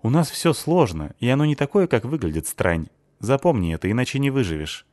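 A man's voice: medium pitch, sing-song, fairly quick, a little mellow, no room sound, clean studio sound, pitched above the performer's own voice, close to an everyday voice. Man voicing a snappy, angry teenage girl. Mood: grim. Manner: snappy, rude, mocking. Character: sharp-tongued, angry eighteen-year-old girl.

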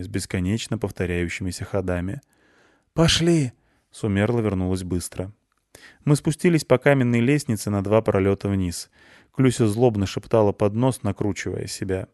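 Low-voiced male audiobook narrator. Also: a little mellow, dry recording, studio quality. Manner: wry, matter-of-fact storytelling. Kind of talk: first-person audiobook narration.

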